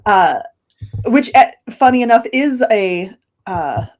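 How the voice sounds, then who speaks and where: Female podcast guest, light-hearted and giggly, pitch swinging up and down. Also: big pitch swings, takes it slowly, a little mellow. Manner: light and giggly, self-deprecating. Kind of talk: casual interview chat.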